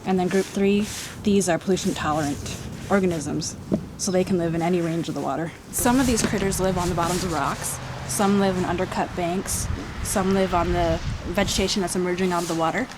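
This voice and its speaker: Brisk and on the low side, this young water quality specialist's voice carries an enthusiastic field interview explanation beside a creek, punctuated by light laughs. Outdoor ambience and noise fill the background.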